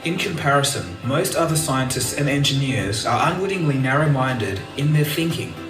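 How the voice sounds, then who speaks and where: A man's voice: mid-range voice, animated, moderate pace, recorded from a distance. Man narrating a documentary. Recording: clip replayed in an echoey room with music.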